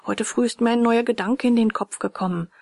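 A woman voicing a hot-tempered old male woodcarver, touchy and quick to flare up. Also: fairly high pitch, steady tone, gravelly, a little mellow, dry recording, studio quality. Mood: chatty.

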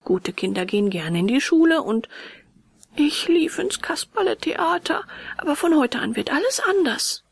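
A woman as a gentle wise fairy. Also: high voice, very animated, vocal fry, no room sound, pitched above the performer's own voice, exaggerated voice. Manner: slow, soft, often whispered.

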